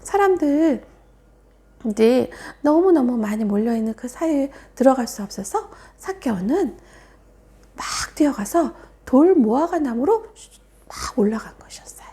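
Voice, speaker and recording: Animated woman telling a children's sermon. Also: sits high, unhurried. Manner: animated, with soft whispered emphasis. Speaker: children's Sunday school preacher.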